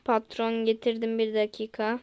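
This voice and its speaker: Woman, comedy sketch, tired worker, dramatic whiny complaints, higher pitch. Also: completely flat delivery, moderate pace, clean tone, muffled recording. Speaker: vlogger acting out an office skit.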